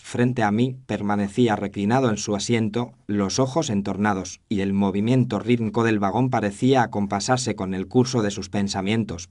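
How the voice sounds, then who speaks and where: Actor as low-voiced Doctor Watson, narrating. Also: male voice, darkish tone, lightly acted. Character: reflective Victorian male doctor chronicling cases. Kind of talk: scripted first-person story narration.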